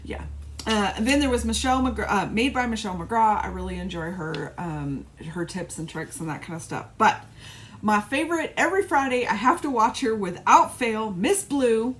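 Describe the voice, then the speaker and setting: A woman's voice: mid-range voice, animated, normal speed, fairly bright tone, a little hiss or hum. A middle-aged woman chatting casually on her cross-stitch vlog, rambling with restarts and little laughs. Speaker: flosstube vlogger. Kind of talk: casual chat.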